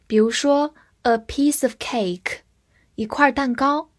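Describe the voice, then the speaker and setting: This is a woman giving a scripted vocabulary lesson. Her voice sits slightly high, and she speaks at a slow, patient pace. She spells each word out letter by letter, carefully and clearly. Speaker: English vocabulary teacher.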